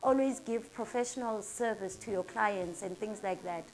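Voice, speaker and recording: A woman's voice: mid-range voice, moderate pace, slight background noise. A woman in her thirties from Durban with a South African accent, a salon owner answering interview questions in an earnest, upbeat and motivational way.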